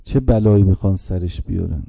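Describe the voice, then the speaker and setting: A man preaching a religious sermon, impassioned, slowing into a chanting mourning lament, on a dull lo-fi recording. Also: low voice, vocal fry, mellow, dry recording. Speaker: preacher reciting a mourning elegy.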